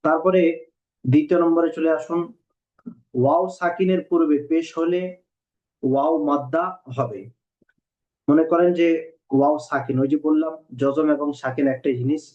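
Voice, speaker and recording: Male teacher, slightly high voice, patient, spells letters out slowly, muffled lo-fi recording. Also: fairly even intonation. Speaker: Quran reading teacher. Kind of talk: recorded online lesson. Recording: dull lo-fi recording.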